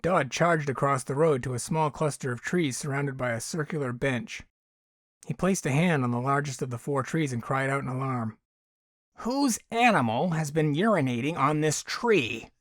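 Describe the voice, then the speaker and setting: A man's voice: mid-range voice, moderate pace, dry recording. Man reading a story, dry close sound. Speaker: author and audiobook narrator. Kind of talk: scripted story narration.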